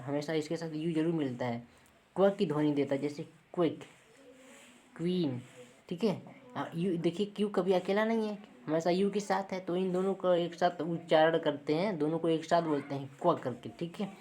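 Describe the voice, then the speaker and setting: A woman's voice: low-pitched, darkish tone, slight background noise. A woman, teaching a lesson step by step and checking in with her students after each point. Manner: repeats points, checks in with "ठीक है". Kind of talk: classroom lesson.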